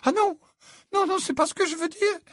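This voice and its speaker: A man voicing a worried, tearful middle-aged mother in a high fluttering voice in an audiobook. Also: a little fast, fairly bright tone, no echo. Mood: flustered.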